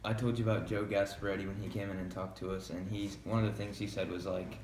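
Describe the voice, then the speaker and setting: Echoey, lowish young American male interviewer. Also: level tone, fast talker. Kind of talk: informal interview questioning. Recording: echoey room, faint background noise.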